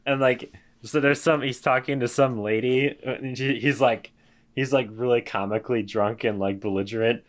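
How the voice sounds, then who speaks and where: A man's voice: medium pitch, steady tone, normal speed. A young man co-hosting a podcast, talking about a horror film in a laid-back, joking way with casual swearing. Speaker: podcast co-host. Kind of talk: casual movie review chat.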